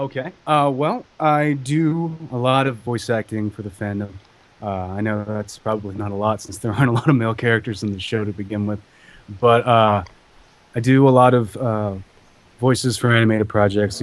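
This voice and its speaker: A man's voice: on the low side, flat delivery, moderate pace. Hesitant man as a guest. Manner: hesitant, filler-heavy. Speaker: guest voice actor. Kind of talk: casual interview chat. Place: voice call.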